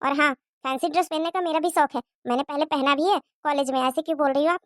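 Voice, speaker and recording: An outspoken young daughter-in-law from a cartoon moral story argues back in an indignant manner, played by a woman. Her voice is high and pushes hard in every line. The recording is dry, with no room sound. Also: fairly even intonation, fast, dry recording. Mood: defiant arguing. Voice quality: indignant, argumentative.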